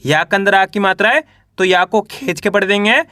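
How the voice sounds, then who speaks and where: Male reading teacher, high bright voice, slow syllable-by-syllable delivery, close dry mic. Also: dry recording. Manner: spells each syllable slowly, then says the whole word; addresses viewers as friends.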